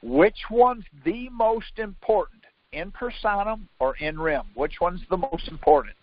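A man with a high voice and lively intonation leads a conference call on legal theory, speaking a little slowly. He teaches through informal, insistent questioning and pushes back on his listener, and the muffled lo-fi call audio has no echo.

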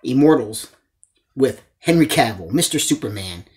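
In a small indoor room lined with shelves of discs, a man in his forties runs through a haul for his movie collecting channel. He talks at a moderate pace in an average-pitched, somewhat dark voice that's expressive throughout. The chat is eager and informal, and he keeps calling his audience "guys."

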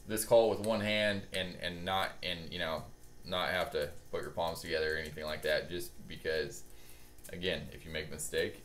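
A young man with a slightly low voice explains things in an easygoing instructional style. He sounds reassuring and informal. The room echoes like a garage, with clear noise behind him. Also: a bit bright. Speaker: hunting-call instructor. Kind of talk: casual instructional talk. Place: garage with boat and hunting gear. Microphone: camera a few meters away.

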